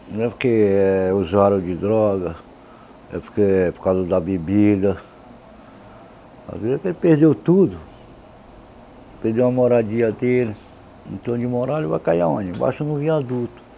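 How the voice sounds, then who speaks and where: A man's voice: on the low side, normal speed, vocal fry, dark tone, a little hiss or hum. A formerly homeless man gives a plain-spoken documentary testimony and complains about how the city treats people.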